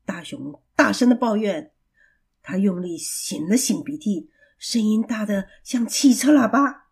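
A woman storyteller reading a children's story aloud in an expressive, animated way. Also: medium pitch, measured pace, gravelly, breathy edge.

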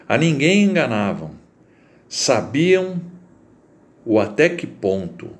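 A man reading a literary short story aloud as narrator, in a slow, deliberate and expressive way. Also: mid-range voice, a little hiss or hum.

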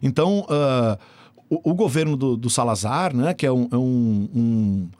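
A man in his 40s, a researcher being interviewed, explains things thoughtfully and hesitantly, often restarting his sentences. His medium-pitched voice is expressive and slightly dark, with a measured pace. The recording has no room sound.

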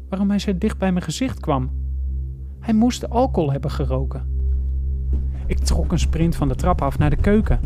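A man reading a horror story aloud slowly and deliberately. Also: a little high, warm tone. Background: faint music.

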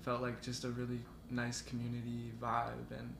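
A man's voice: mid-range voice, completely flat delivery, normal speed, vocal fry. Laid-back young man in an echoey room. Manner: laid-back, rambling with fillers. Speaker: podcast guest. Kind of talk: casual chat. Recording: echoey room with background noise.

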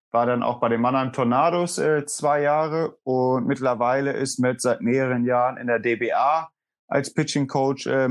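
A man hosting a sports podcast, chatting casually with lots of fillers as he interviews a guest. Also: mid-range voice. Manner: relaxed, chatty, frequent fillers.

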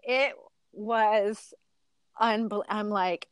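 A woman's voice: mid-range voice, steady tone, drawn-out words, clean tone, dry recording. A woman in her forties, a mother telling a chaotic family story as an interview guest, laughing often and acting out her own quotes.

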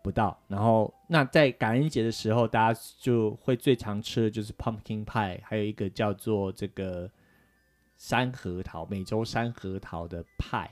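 A man's voice: fairly low pitch, normal speed, soft background music. A man from Taiwan, co-hosting a casual talk show and explaining things with lots of fillers. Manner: chatty, explains with many fillers. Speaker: co-host. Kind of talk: casual radio chat.

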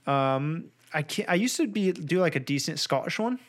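A man's voice: on the high side, lively intonation, normal speed. A young man in his twenties chatting casually on a podcast, rambling with lots of fillers and jokes. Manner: rambling, filler-heavy, jokey.

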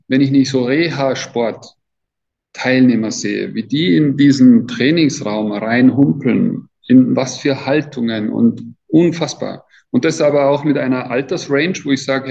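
A man in his fifties, interviewed as an athletic trainer, has a creaky, darkish voice of medium pitch and speaks a little slowly. His delivery is casual and colloquial with strong emphasis, heard through dull, lo-fi audio.

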